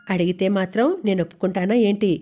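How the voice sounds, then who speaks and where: A woman reading as a gentle wistful young woman. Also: mid-range voice, little pitch movement, fast, lo-fi sound, faint music behind, natural voice. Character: soft-spoken young working woman, wistful.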